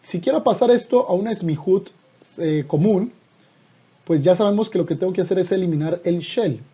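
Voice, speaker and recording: A man's voice: sits high, moderate pace, warm tone, slightly rough, muffled recording. A man teaching a Hebrew grammar lesson, patiently repeating and spelling out each example for the viewer.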